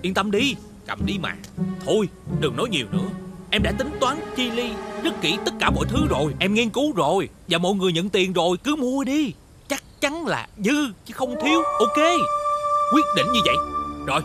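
A man's voice: high-pitched, sing-song, a little fast. A young man with a Southern Vietnamese accent, acting a breezy, self-assured penny-pincher in a TV comedy series. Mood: smug. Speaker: stingy younger brother Long. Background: music.

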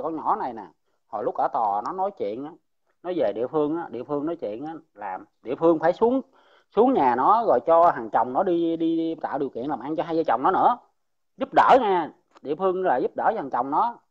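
A man's voice: on the high side, husky, muffled recording. A man from An Giang with a Mekong Delta Southern Vietnamese accent, telling local gossip in a blunt, rambling casual chat and chuckling along the way. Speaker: local storyteller.

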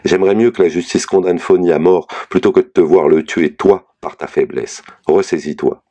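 A steadfast, no-nonsense mother, read by a man in a very deep, dark voice. Her words come forceful and colloquial, in a storybook reading. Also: moderate pace. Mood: urgent, firm. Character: mother, firm and steadfast woman.

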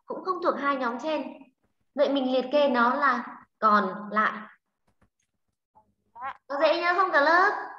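Bright, high-voiced woman teacher. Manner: checks understanding with frequent tag questions; patient step-by-step explaining. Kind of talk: online English lesson for a class. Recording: roomy, slightly dull sound.

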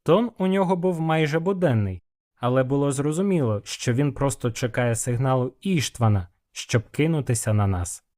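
A male audiobook narrator reading a fantasy story in the first person. His voice sits at a middle pitch, and the telling is even and measured.

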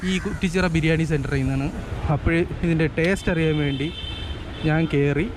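Malayali guy doing a casual delivery rider vlog, pretty high voice, traffic noise all around him. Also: fairly quick. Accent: Malayali, Kerala. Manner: repeats words and phrases, informal. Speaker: food delivery rider and vlogger. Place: outdoors on busy city streets. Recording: clear outdoor traffic and street noise.

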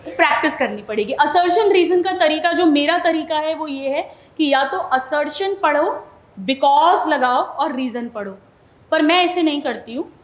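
A woman's voice: high voice, roomy sound. A woman teacher explaining a study method step by step to students, asking whether they follow along. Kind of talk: classroom lesson. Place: classroom.

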